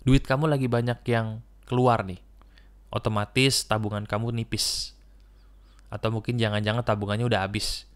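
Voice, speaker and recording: A man's voice: lowish voice, flat delivery, moderate pace, pauses often, smooth. A man giving a motivational talk to his viewers, earnest and coaxing, repeating his key points. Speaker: motivational speaker.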